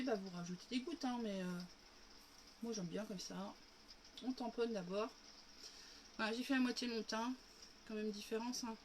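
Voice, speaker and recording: This makeup live streamer has a mid-range, slightly mellow voice, and there's a bit of hiss or hum in the audio. Chatting from home, she demonstrates her routine step by step and addresses her audience as "girls." A lingering cough shows she's getting over an illness.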